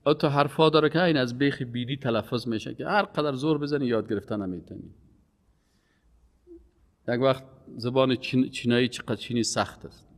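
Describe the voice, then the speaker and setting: A man giving an emphatic religious lecture, his voice rising on key words and dropping low. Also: creaky. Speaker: Quran teacher. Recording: long hall reverb.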